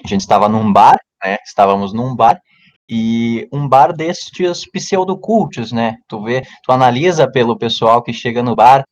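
Animated man telling a story. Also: measured pace, dull audio. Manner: animated, acts out quotes in a loud high voice. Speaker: podcast co-host. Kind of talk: casual storytelling chat.

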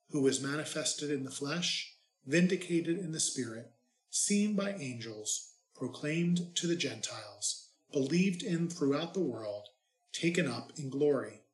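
A man, a priest, reads scripture and gives a homily in an unhurried way with light, self-mocking humor, his voice carrying a cathedral echo. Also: mid-range voice. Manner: plain, unhurried reading that turns to light, self-mocking storytelling. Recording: echoey church reverb.

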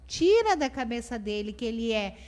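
A woman's voice: a little high, big pitch swings, moderate pace. A woman family therapist, explaining parenting advice in casual talk and acting out what parents and children say. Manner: warm explanatory, acts out parent and child quotes.

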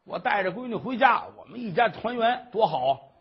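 A man voicing a remorseful old mother-in-law who exclaims loudly and apologizes in a fawning way. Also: high-pitched, animated, moderate pace, husky, highs cut off, full character voice. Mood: hearty.

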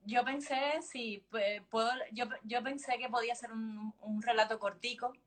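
A woman author who first talks with hesitant restarts, then reads her own short story aloud in a measured way. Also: fairly high pitch, fairly even intonation, a loud crowd. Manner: hesitant with restarts when talking, measured when reading. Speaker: guest author.

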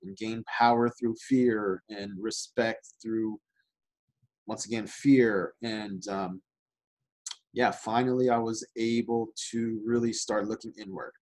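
A man's voice: lowish voice, steady tone, slow pace, darkish tone, poor audio. A man, a guest and public speaker, talking casually in an interview with easy fillers.

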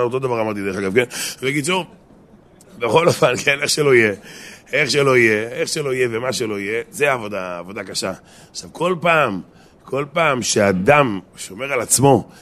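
A man, a rabbi, giving a humorous Torah lesson, telling jokes between points of teaching. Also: fairly low pitch. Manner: lively storyteller mixing jokes and teaching. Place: study hall.

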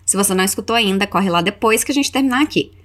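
Lively woman teaching English phrases. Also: mid-range voice. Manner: slow, drawn-out model phrases for repetition. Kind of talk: English lesson for Portuguese speakers.

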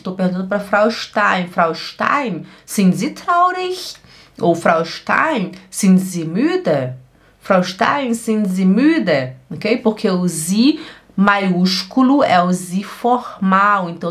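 A woman with a Brazilian Portuguese accent teaching German, saying phrases slowly and adding quick asides. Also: medium pitch. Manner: slow, drawn-out model phrases with quick asides. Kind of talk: online language lesson.

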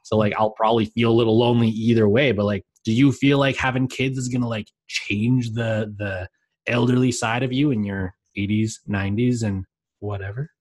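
A man in his late twenties talks loosely on a podcast, drifting from thought to thought and laughing often. His voice sits a bit low. The sound is dry and close to the mic. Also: steady tone, normal speed, darkish tone, no room sound. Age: late 20s. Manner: rambling, lots of "like" fillers, laughs easily. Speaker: podcast co-host. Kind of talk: casual chat.

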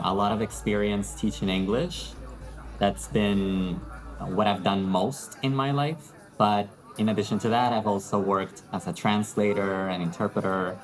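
A man's voice: on the low side, poor audio. A man from Peru, an English teacher, talking in a friendly, thoughtful way as an interview guest, with some fillers. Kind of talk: interview conversation.

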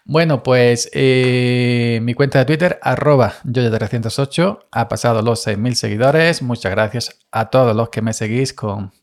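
A man from Andalusia, talking casually on his own podcast in a rambling, self-deprecating way with many fillers and restarts. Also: mid-range voice. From Andalusia, Spain. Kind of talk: casual solo podcast monologue.

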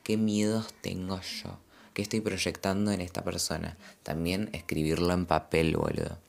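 A man's voice: sits low, animated, normal speed, creaky. A young man with a Rioplatense accent, rambling reflectively in a casual confessional podcast monologue full of slang. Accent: Rioplatense Spanish. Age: young adult. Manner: gestures and moves while talking. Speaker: podcast host.

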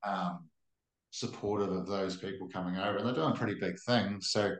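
A man's voice: deep voice, normal speed. Blokey man, broad Kiwi accent, echoey room. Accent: broad New Zealand. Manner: blokey, sweary, ends remarks with "eh". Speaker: podcast co-host. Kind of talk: casual chat about combat sports.

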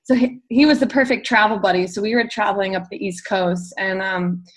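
A young adult woman casually telling a travel story as a guest, rambling and full of fillers like "like" and "um". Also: mid-range voice.

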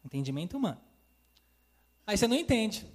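A man's voice: high voice, big pitch swings, brisk. A man preaching a sermon, calling listeners "dear ones" and acting out God's words in quotes. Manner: addresses listeners as "queridos", acts out God's voice in quotes. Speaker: evangelist preacher. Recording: long hall reverb.

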